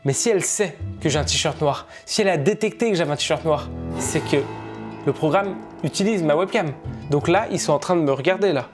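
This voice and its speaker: A man's voice: a little high, fairly quick, over music. A young man in a reaction vlog, jittery and laughing, who repeats himself when uneasy, talking into a headset mic. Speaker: gaming and tech YouTuber.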